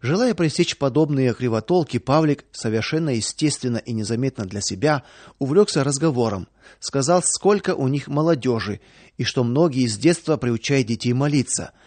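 A man reading a story aloud in a calm, even audiobook narration. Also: medium pitch, dry recording.

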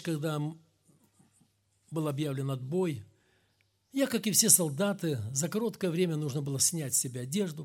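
High gravelly-voiced male preacher. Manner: swings between loud emphatic peaks and low quiet asides; acts out quoted speech in a raised voice. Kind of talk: sermon.

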